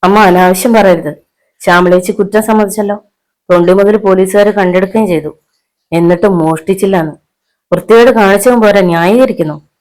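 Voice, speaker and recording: A woman voicing a violent, hot-tempered young husband in a storybook reading, with a harsh, shouting manner. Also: fairly low pitch, level tone, normal speed, clean tone, lightly acted, rough recording. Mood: angry.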